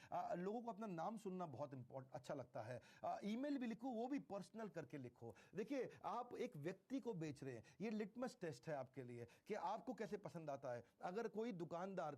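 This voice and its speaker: A man giving a motivational sales lecture, stressing key phrases by repeating them slowly and mixing in English. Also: on the high side, dark tone. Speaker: sales trainer.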